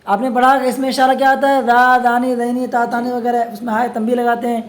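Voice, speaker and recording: Speaking in a very high pitch with a flat delivery, a man teaches scripture grammar as part of religious studies. He keeps firing questions at the class and answering them on his own, reads Arabic passages at a slow pace, and throws in casual jokes at his students' expense.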